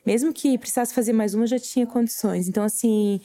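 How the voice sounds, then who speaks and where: A woman shares a heartfelt faith testimony. Her voice sits a little high and sounds mellow and warm. She speaks earnestly, replaying her own words as she tells the story. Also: fast talker. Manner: earnest, tearful at times, acts out her own quoted words. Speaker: podcast guest.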